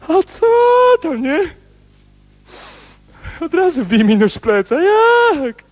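A clingy jealous cigarette lover. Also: male voice, very high-pitched, big pitch swings, slow, full character voice. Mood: accusing. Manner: theatrical, melodramatic, pleading. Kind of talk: radio comedy sketch.

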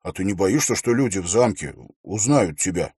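An earnest, honest young knight, voiced by a low-voiced man, who speaks a little hesitantly. The voice is deep and husky. The audiobook recording is dry and close. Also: lively intonation, moderate pace, a little mellow, dry recording, exaggerated voice.

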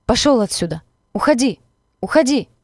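A woman reading the part of an agitated young man who is frightened of a big dog, voicing him loudly in a story. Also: medium pitch, lively intonation, brisk, no room sound, clean studio sound, lightly acted. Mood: angry. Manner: loud, shouting.

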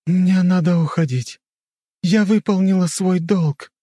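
Man doing a high, dark-toned female ghost, flat and emotionless, slow solemn pronouncements, dry studio sound, audiobook. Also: no room sound. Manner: slow, measured, lofty pronouncements. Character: ancient female ghost, solemn clan matriarch. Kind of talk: audiobook character voice.

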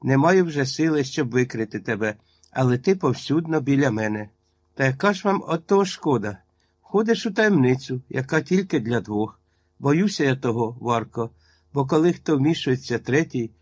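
A man's voice: medium pitch, animated, moderate pace, a little mellow, no room sound, close to an everyday voice. A man reading a story aloud and voicing a stern old village witch woman with a harsh, iron-hard manner. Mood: sharp.

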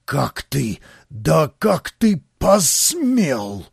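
A domineering older grand duke in an audiobook, blustering and booming at his son, as a male narrator plays him. The voice is lively in pitch and slightly husky, recorded dry and close. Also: measured pace, no room sound, full character voice. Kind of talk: audiobook character voice.

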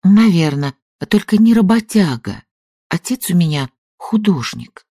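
A man's voice: high-pitched, big pitch swings, slightly rough, no room sound, studio quality, pitched above the performer's own voice, heavily acted. A man raising his voice into a poised young woman. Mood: earnest. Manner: measured, courteous, softly earnest. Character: polite young woman, poised, falsely modest. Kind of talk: audiobook character reading.

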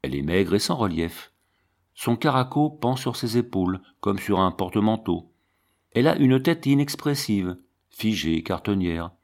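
A man reading a classic novel aloud as an audiobook, in a measured narrating voice. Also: lowish voice, sing-song, darkish tone. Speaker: audiobook reader.

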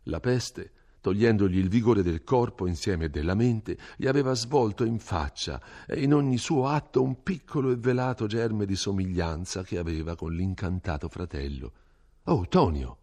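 Husky-voiced man reading a novel. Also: lowish voice, normal speed, few pauses, warm tone. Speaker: audiobook reader. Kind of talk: scripted literary narration.

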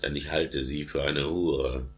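A boastful villain king making threats, voiced by a man reading aloud. The voice is very deep and flat. He sounds menacing and arrogant. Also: measured pace. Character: heretic Swedish king, boastful male villain.

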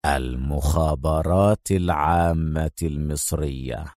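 A man voicing a cold, menacing villain in an audiobook, speaking slowly and quietly. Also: very deep voice, dry recording, clean studio sound, pitched below the performer's own voice. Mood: stern. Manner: slow, quiet, deliberate. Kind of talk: audiobook character voice.

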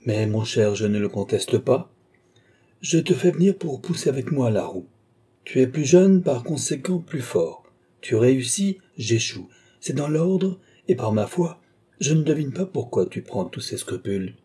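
A man's voice: medium pitch, measured pace, husky. A man voicing a sly old marshal who teases and needles his nephew in an audiobook reading. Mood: sly, teasing. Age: older. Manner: sly, teasing, lively. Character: old sly mocking male marshal, uncle.

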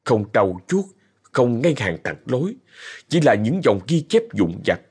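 A man narrating a scripted story in a soft, expressive way. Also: mid-range voice, measured pace, slightly rough. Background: faint music.

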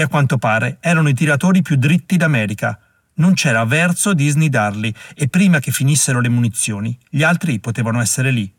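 A man narrating an audiobook in a measured way, slowing down at dramatic moments. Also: mid-range voice, no room sound, studio quality. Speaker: audiobook reader.

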